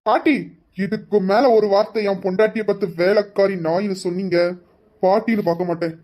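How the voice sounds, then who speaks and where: A performer playing a young husband in an audio drama, hard and stern, laying down firm warnings to defend his wife. Mid-pitched and steady. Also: fairly quick, lightly acted. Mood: angry. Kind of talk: amateur Tamil audio drama.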